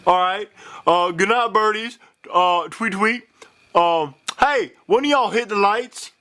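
A laid-back cartoon dinosaur, played by a man, drawls his slang in a high, easy voice, with a faint hiss behind him. He is the lazy troublemaker of a puppet comedy. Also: slow pace, pushed and bright, exaggerated voice. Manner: drawling street slang, calls people folk.

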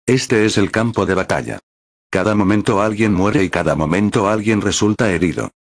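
Deep-voiced male novel narrator. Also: normal speed. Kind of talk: audiobook narration of a web novel.

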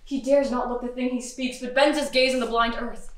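A woman's voice: on the high side, fairly even intonation, a little fast, close to an everyday voice. A woman playing a young noblewoman on trial in a live stage play, impassioned and pleading. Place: theatre stage. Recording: echoey hall from far off.

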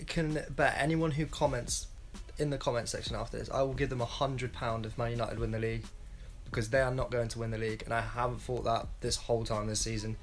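Speaking fairly quickly at medium pitch, with fairly even intonation and few pauses, a young man in his twenties rambles bluntly about football. Faint music is audible behind this casual solo vlog, recorded from a small room at home on a wired earphone mic.

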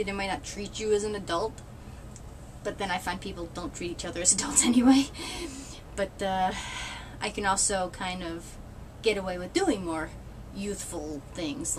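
With a medium-pitched voice and some hiss or hum on the recording, a woman in her 30s from New England vlogs into a webcam. Her casual chat is rambling and dryly funny, punctuated by laughs and mild swearing, in a small room with a red cloth backdrop.

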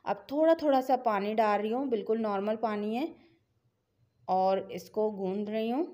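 Guiding viewers through a home recipe, a middle-aged woman with a Pakistani Urdu accent speaks in a mid-range, dark-toned voice at a normal pace. She hosts a cooking channel, and her tutorial voice-over is conversational, encouraging, and instructive.

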